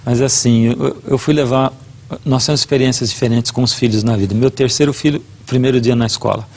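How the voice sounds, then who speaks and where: A man's voice: medium pitch, steady tone, brisk, a little mellow. A middle-aged man, a guest preacher, giving a devotional talk and telling a personal story earnestly, acting out the dialogue.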